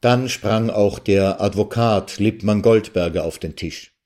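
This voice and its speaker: A man reading a story aloud on the radio at a measured literary pace. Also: lowish voice, a little mellow.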